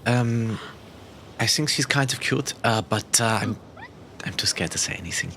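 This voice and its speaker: A man voicing a shy young woman innkeeper with a put-on German accent, polite and halting. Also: fairly low pitch, animated, creaky, fairly bright tone, slight background noise. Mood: bashful.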